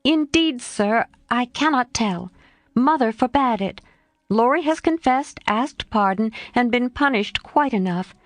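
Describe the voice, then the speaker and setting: A woman's voice: on the high side, unhurried, no room sound, voice pushed up. A woman voicing a spirited tomboy girl. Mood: pleading. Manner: earnest, lively.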